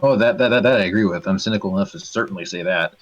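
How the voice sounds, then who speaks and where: Blunt ranting man with a husky voice. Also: low-pitched, rapid-fire, dry recording, muffled recording. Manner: blunt, swears freely, ranting. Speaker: stream co-host. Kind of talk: casual stream chat.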